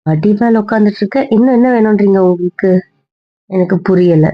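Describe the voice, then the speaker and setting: A woman's voice: medium pitch, a little fast, no room sound. Brief: woman as a bossy, teasing wife, dry dull recording. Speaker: wife in a comedy audio drama. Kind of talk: casual role-play banter.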